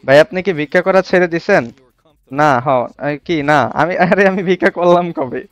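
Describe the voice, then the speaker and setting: A man runs a relaxed live stream, chatting with his audience and reading their comments while quizzing them. His smooth, clear voice is a little higher than most men's and moves at a normal pace. The sound is dry, close, and muffled, with no room echo.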